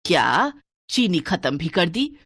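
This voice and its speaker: Stingy bossy mother-in-law, voiced by a woman, low and dry, for a village skit. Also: big pitch swings, slow pace, fairly bright tone, no echo, full character voice. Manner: scolding, bossy, penny-pinching. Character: stingy cunning middle-aged mother-in-law. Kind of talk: dubbed village skit dialogue.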